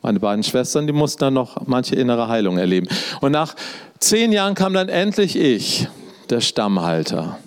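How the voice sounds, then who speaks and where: A man's voice: medium pitch, big pitch swings, moderate pace, clear, resonant tone. A middle-aged man preaching a sermon, telling a personal story in a conversational way and speaking directly to his listeners.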